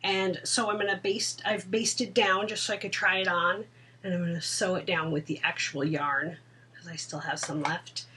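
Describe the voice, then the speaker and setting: A woman co-hosting a casual podcast chat, laughing often and dropping into soft asides. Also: fairly low pitch, steady tone, normal speed, recorded from a distance, a little hiss or hum. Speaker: podcast co-host. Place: indoor room at home.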